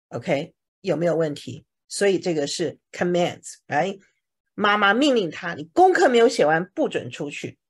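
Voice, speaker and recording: A woman teacher with a husky, lowish voice explains English words to a class in a vocabulary lesson, frequently stopping to ask whether anyone has questions.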